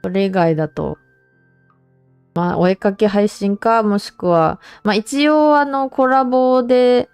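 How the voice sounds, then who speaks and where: A woman's voice: mid-range voice, measured pace, darkish tone, clear, resonant tone, no echo, faint music behind. A woman streamer chatting casually and informally to viewers on a livestream.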